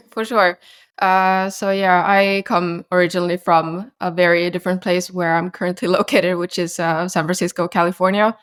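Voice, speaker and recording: A woman in her twenties from Finland, talking as an interview guest over a remote call in a halting way, with many fillers and restarts. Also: lowish voice, flat delivery, smooth. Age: 20s. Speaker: guest, startup founder. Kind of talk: casual interview talk.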